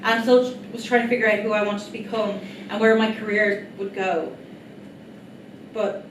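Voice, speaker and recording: Woman reading a monologue in an echoey room. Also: on the high side. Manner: earnest, reflective, addressing the audience directly. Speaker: writer-performer of an autobiographical solo play. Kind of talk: rehearsed reading of a theatrical monologue. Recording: echoey, distant mic, noisy room.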